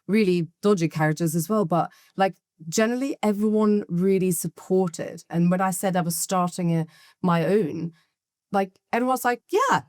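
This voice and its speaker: A woman in her forties, originally from Norway, recounts her story as an interview guest. Her voice sits low for a woman and comes across close and dry. She talks in lively bursts, full of restarts and quoted asides. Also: normal speed, no echo. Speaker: guest, agency founder. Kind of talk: conversational interview.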